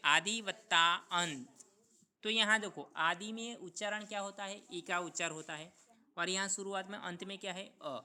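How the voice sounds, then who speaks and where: A man's voice: sits high, pushed and bright, clean tone. A man teaching a school grammar lesson, who repeats each sound and asks his students questions that he then answers himself. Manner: repeats sounds and steps slowly. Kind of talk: recorded Hindi grammar lesson.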